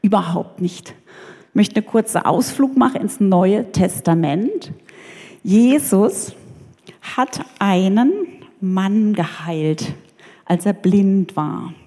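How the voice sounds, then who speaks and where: A woman preacher telling a story as a sermon in an animated, conversational, jokey way. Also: medium pitch, slow. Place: church hall. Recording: long reverb in a church hall.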